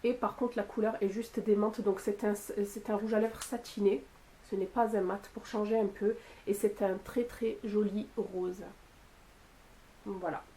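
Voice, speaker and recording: A woman vlogger chatting casually to camera about makeup she bought, with lots of fillers and pauses. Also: mid-range voice, steady tone, dark tone, a little hiss or hum. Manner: chatty, with frequent fillers and "voilà". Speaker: beauty youtuber. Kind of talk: casual product haul talk to camera.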